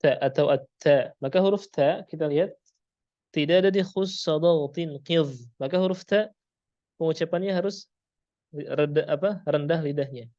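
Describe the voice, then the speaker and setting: A man's voice: fairly high pitch, moderate pace, dark tone, no room sound, dull audio. A man with an Indonesian accent teaching Quran pronunciation, patiently repeating sounds and quizzing his class.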